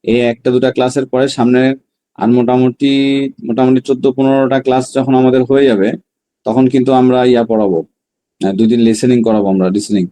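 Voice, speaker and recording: A man with a dark, mellow voice leads a language class. He sounds out each word slowly and repeats it several times. Between drills he breaks into fast explanations. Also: mid-range voice, fairly even intonation. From Bangladesh. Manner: drills words slowly, then explains in quick bursts. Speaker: Chinese language teacher. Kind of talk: online class lesson.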